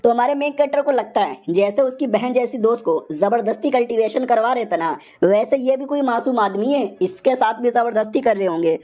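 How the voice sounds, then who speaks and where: A woman's voice: a little high, brisk, few pauses, dark tone. A woman telling a comic story recap in a chatty, slangy, playful way.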